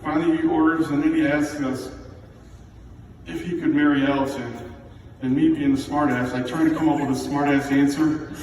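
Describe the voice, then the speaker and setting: A middle-aged man gives a father of the bride speech in a very echoey hall, picked up from a distance over clear background noise. He speaks in a plainspoken, heartfelt and slightly halting way to the guests. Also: on the high side, fairly even intonation, a little mellow. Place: large reverberant indoor reception room with background noise.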